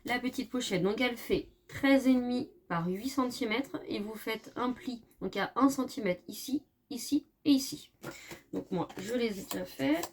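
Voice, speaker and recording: A woman's voice: fairly high pitch, normal speed, a little hiss or hum. Chatty woman with many fillers. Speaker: scrapbooking crafter. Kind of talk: casual craft tutorial.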